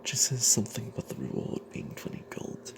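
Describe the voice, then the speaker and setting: Speaking in breathy, hesitant ASMR whispers, a man narrates fantasy fiction in character as a dry-humored, suspicious cleric on adventures. The delivery stays hushed throughout.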